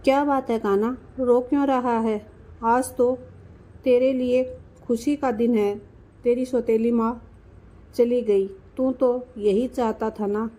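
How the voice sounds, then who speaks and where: Calm middle-aged father with dry, unhurried irony, a woman narrator voicing him. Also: fairly high pitch. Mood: wry.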